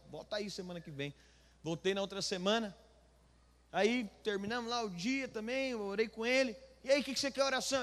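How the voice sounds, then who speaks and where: Brazilian pastor guy, high voice, acts out every line of the story, big echoey church. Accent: Brazilian Portuguese. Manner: animated, acts out dialogue, rising to near shouting. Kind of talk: storytelling sermon. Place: church hall. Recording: live church hall with long reverb.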